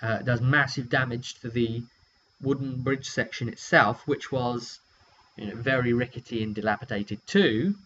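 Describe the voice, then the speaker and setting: At a moderate pace, a man with a mid-range, fairly bright voice walks through what happened in a tabletop game he ran. It's casual and rambling, wry throughout, with short quotes acted out. Hum sits under the dull, lo-fi audio.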